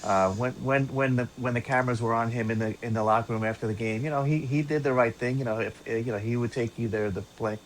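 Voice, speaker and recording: Halting man co-hosting a fan podcast. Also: mid-range voice, fairly even intonation, a little hiss or hum. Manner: halting, many fillers and repeated words. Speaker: podcast co-host. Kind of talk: casual podcast chat.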